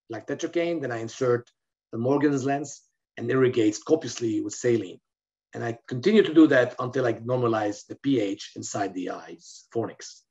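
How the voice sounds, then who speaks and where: Over a video call, a middle-aged Lebanese physician delivers a recorded medical lecture, explaining steadily despite fillers and restarts. His voice is medium-pitched with a darkish tone. He sits indoors before a plain wall, and the webcam audio sounds slightly dull and lo-fi.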